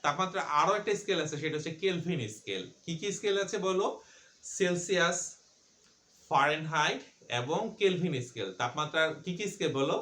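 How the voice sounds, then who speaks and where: Male physics teacher, high voice, quizzes and answers himself, echoey classroom recording. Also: a little fast, fairly bright tone. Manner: asks questions and answers them himself, repeats key points. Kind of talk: classroom lecture. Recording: echoey room.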